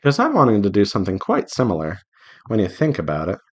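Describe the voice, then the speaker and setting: Talking at a quick pace, this man has a voice on the low side with wildly swooping pitch, a breathy edge, and highs cut off. He's a visual novel developer in a draw-along devlog, rambling casually to viewers while drawing and reassuring himself out loud.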